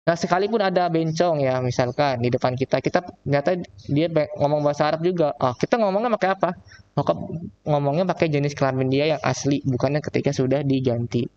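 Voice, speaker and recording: A man teaching Arabic with a Jakarta accent, slowly drawing out the example phrases in a recorded online lesson. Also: fairly high pitch, darkish tone, lo-fi sound, a little hiss or hum. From Indonesia. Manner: slow, drawn-out reading of example phrases. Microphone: laptop mic.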